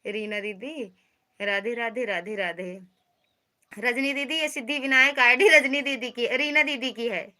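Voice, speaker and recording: A woman's voice: fairly high pitch, a little slow, bright, forceful tone. A woman chatting casually on a live stream, greeting viewers and teasing them while reading out their comments. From Uttar Pradesh, India.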